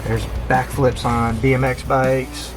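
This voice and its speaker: A man's voice: medium pitch, level tone, takes it slowly, over music. A man in a casual interview, enthusiastically listing his adventures. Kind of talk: casual chat.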